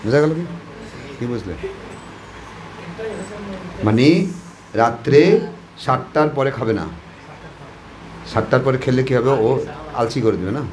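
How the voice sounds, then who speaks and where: A man's voice: mid-range voice, takes it slowly, pauses often, slight background noise. A devotional preacher, a man, giving practical instructions and coaxing his audience to ask questions. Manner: coaxing, instructive, urging the audience with repeated commands. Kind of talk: devotional question-and-answer talk.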